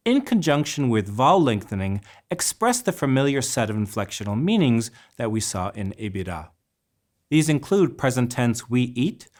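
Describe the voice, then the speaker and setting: A man narrating a scripted linguistics lesson, carefully pronouncing example words in a measured way. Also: medium pitch. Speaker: lecturer.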